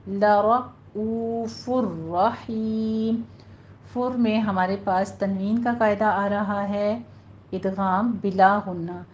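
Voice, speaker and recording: A woman with a Pakistani Urdu accent teaching Quran recitation, patiently explaining each sound step by step and modeling it slowly. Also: mid-range voice, fairly even intonation, a little mellow. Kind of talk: recorded tajweed lesson. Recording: muffled lo-fi recording with faint hiss.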